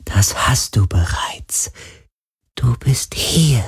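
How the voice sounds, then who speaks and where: Ancient lonely sea spirit, put on by a male narrator, breathy hushed whisper, slow, storybook. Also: medium pitch, animated, pitched above the performer's own voice, full character voice.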